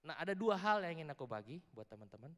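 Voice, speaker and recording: A man's voice: a little high, big pitch swings, quick pace, a bit bright. Playful man preaching in an echoing hall. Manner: playful and joking, quizzing the crowd, mixing in English words. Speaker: youth preacher. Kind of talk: casual youth sermon with audience interaction. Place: large church hall before a youth audience. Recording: long echoing hall reverb.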